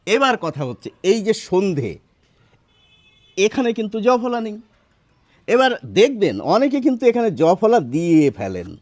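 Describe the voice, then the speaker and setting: A man teaching a spelling and pronunciation lesson, explaining step by step and asking the viewers questions, with drawn-out hesitation sounds. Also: sits high, very animated, darkish tone. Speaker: Bengali language teacher.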